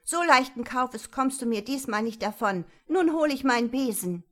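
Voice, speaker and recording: Storybook figure, angry servant woman, shouting, scolding, raised voice, put on by a woman reader. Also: high voice, expressive, normal speed, pitched above the performer's own voice. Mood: furious scolding.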